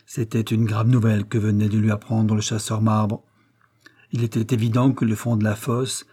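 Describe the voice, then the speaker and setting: A man reading a classic adventure novel aloud as an audiobook narrator, in a measured way, raising his voice for the characters' dialogue. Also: lowish voice, dark tone, slightly rough.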